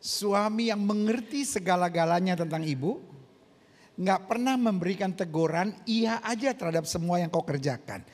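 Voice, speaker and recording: Sex: man. Role: pastor. Style: lively sermon, high and husky voice. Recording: echoey church hall. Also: moderate pace. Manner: animated, questions the congregation, acts out voices.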